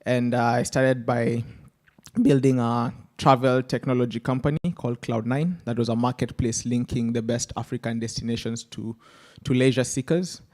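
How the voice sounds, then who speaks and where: A man's voice: mid-range voice, little pitch movement, moderate pace, darkish tone. A man, introducing himself and his company on a conference panel in an upbeat way, with fillers and an uneven pace. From Kenya. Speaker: panelist, startup founder.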